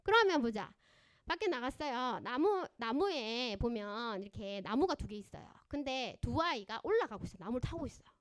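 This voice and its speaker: A woman counselor giving a parenting seminar at a church, animated and often quizzing her audience with questions. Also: on the high side, normal speed. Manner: acts out parents and children in lively voices.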